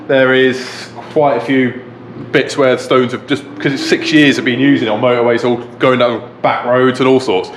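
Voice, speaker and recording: Guy rambling casually on a car vlog, lowish voice, roomy echo, bit of noise. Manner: informal, rambling walk-through explanation. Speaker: car restoration vlogger, presenter. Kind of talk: casual vlog talk to camera.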